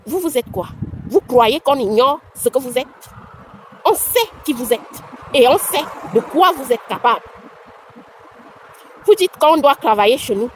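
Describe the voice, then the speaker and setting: Combative woman ranting, high voice. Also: lively intonation, unhurried, pauses often, a little hiss or hum, rough recording. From Cameroon. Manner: combative, scolding, repetitive. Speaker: vlogger. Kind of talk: angry social media rant.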